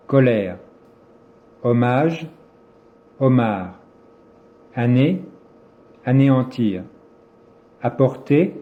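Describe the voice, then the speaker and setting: Slow, careful man on old cassette. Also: mid-range voice. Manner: slow, careful word-by-word enunciation. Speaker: language course reader. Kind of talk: reading pronunciation drills. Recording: dull lo-fi cassette tape.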